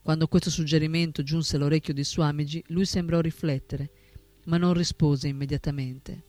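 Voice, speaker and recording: A man narrating a biography in a steady, solemn scripted reading. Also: on the high side, normal speed. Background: faint instrumental music.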